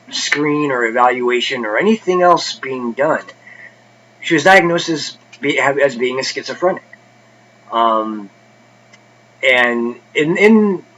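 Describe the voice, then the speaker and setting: A man's voice: medium pitch, fairly bright tone, dull audio, slight background noise. A congested man hosting a casual book review channel, rambling with many fillers and restarts.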